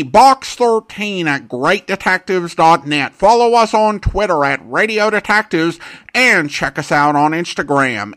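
A man's voice: high voice, fairly bright tone. A man hosting a podcast, reading a scripted introduction. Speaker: podcast host.

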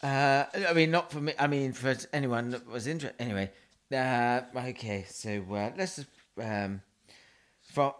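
A man's voice: mid-range voice, moderate pace, a bit bright. A man hosting a radio show, rambling, scatterbrained and poking fun at himself. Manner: scatterbrained, rambling, self-mocking. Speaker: radio host. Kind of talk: rambling comedic radio chat.

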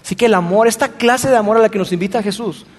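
A man's voice: high voice, quick pace, long reverb tail. A man preaching a sermon, speaking earnestly and addressing the listener directly with rhetorical questions. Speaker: pastor.

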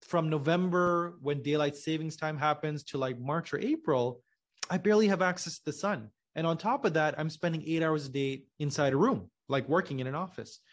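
Brief: male podcast guest from Pakistan, somewhat high voice, patient explainer, casual tone. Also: fairly quick. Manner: explains patiently, checks in with "right?". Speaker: guest, genetics company co-founder. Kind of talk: casual conversational interview.

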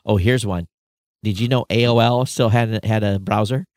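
Here a man's lowish, darkish voice holds a steady tone at a moderate pace. He's a podcast co-host casually discussing industry figures, often chuckling as he reads numbers off the cuff, in a studio-quality recording free of echo.

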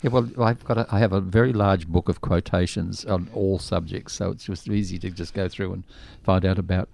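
Deep, slightly croaky older Australian man. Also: steady tone, fairly quick, a little mellow. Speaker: radio show co-host. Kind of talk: casual chat.

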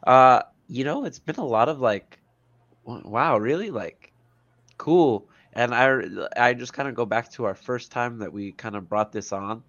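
A man's voice: medium pitch, moderate pace, few pauses, a bit bright, no room sound, highs cut off. Stuffy-nosed man, congested and nasal. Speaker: podcast co-host, soccer coach. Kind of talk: casual sports discussion.

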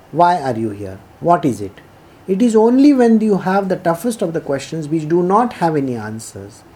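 A spiritual teacher with an Indian accent and a soft, mellow tone at a middling pitch. The delivery moves between devotional reading and informal explanation. Points are made didactically, with key phrases repeated for emphasis.

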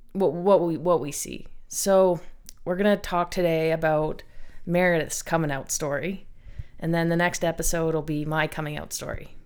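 A woman with a low, smooth, clear voice co-hosts a casual podcast. She talks in an easy, conversational way and asks questions. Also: darkish tone. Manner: conversational, interviewing her partner. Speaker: podcast co-host. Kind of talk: casual chat.

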